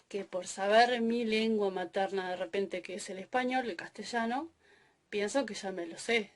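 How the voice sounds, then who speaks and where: A middle-aged woman teaching a language class, explaining at length with many "este" and "o sea" fillers. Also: fairly high pitch. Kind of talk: explanatory lecture.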